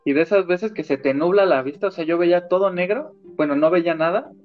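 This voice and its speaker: A man's voice: high voice, fast talker, dull audio, faint music behind. A man with a Mexican accent telling stories in casual chat with crude slang. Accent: Mexican Spanish.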